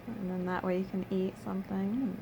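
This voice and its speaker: A woman's voice: mid-range voice, fairly even intonation, brisk, gravelly, crowd noise, rough recording. A middle-aged woman in casual chat, coaxing and reassuring like a caregiver.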